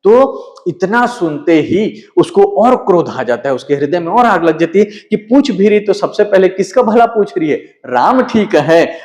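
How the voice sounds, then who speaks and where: A male teacher giving a literature lecture, reciting verses slowly and then explaining them with frequent checking asides. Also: high-pitched, a little mellow.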